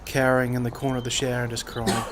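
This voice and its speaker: Wry New cricket co-commentator. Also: male voice, medium pitch, level tone, very fast, noisy background. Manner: dry, wry joking banter. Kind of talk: casual live sports commentary. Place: outdoor cricket ground.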